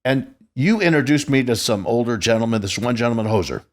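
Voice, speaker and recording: A man in his sixties hosts a podcast, spinning stories in a casual, boastful, and profane manner. His mid-range voice is expressive and moves a little quickly.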